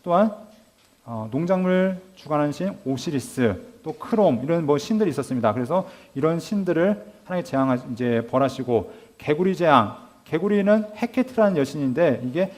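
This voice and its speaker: A man teaching a Bible school class, asking his listeners rhetorical questions and acting out lively quoted dialogue. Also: a little high, normal speed. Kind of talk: lecture to a class.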